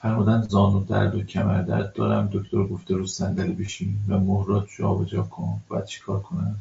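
Exasperated gravelly man answering religious questions. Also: on the low side, slight background noise. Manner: exasperated, scolding, animated. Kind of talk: religious Q&A talk. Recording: echoey, dull lo-fi recording.

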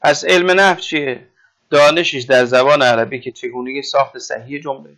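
A man's voice: medium pitch, fairly even intonation, fairly bright tone. A man teaching Arabic grammar in an informal classroom lecture. He explains with everyday examples and keeps checking that his listeners follow.

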